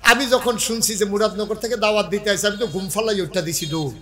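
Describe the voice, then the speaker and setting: A man preaching a sermon. He acts out dialogue in rustic dialect, then builds to shouting exhortation. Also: high voice, fast talker. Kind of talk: sermon with storytelling.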